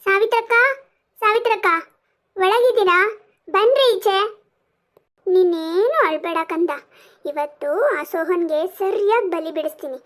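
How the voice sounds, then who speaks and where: Woman doing a scornful shrill cartoon mother. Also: measured pace, pauses often. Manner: scornful, scolding. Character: haughty scornful neighbor mother, spiteful.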